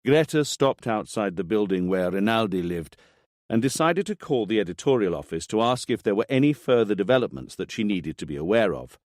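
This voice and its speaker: A man reading a thriller audiobook as scripted narration, with expressive delivery. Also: lowish voice, a little fast, no room sound, studio quality.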